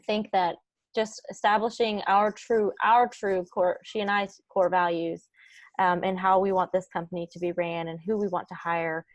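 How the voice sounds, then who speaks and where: A woman's voice: on the low side, little pitch movement, normal speed, no room sound. Upbeat woman guest thinking aloud. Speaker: podcast co-founder guest. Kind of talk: casual interview chat.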